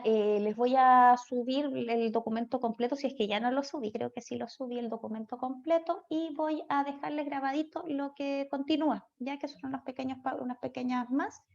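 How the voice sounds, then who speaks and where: A high-pitched, slightly mellow woman with a Chilean accent teaches an online speech therapy class. Chatty in manner, she checks in with students through frequent tag questions, over dull lo-fi audio.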